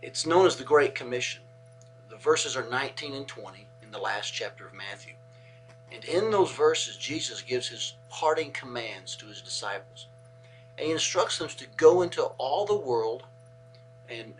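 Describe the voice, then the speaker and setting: Measured man teaching from the Bible. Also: medium pitch, a bit bright, a little hiss or hum, poor audio. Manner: measured, stresses key words and repeats them.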